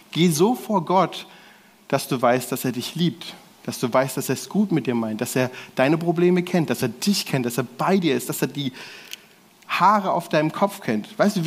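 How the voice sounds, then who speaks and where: A man delivers a casual sermon in a church hall, his voice sitting fairly high. He talks in relaxed slang, often restarting and correcting himself mid-sentence. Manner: colloquial slangy preaching, restarts and self-corrections. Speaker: preacher.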